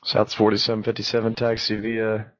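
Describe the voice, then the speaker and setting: Over a dull, band-limited aviation radio link, a male controller delivers clipped phraseology fairly quickly. His low voice stays very even throughout.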